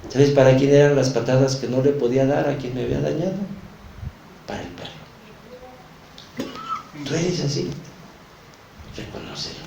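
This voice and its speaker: A man's voice: mid-range voice, steady tone, normal speed, gravelly, long pauses, mellow, a little hiss or hum. A man with a Mexican accent teaching a Bible study, earnest and confessional, speaking straight to the listener. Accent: Mexican Spanish. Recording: roomy echo.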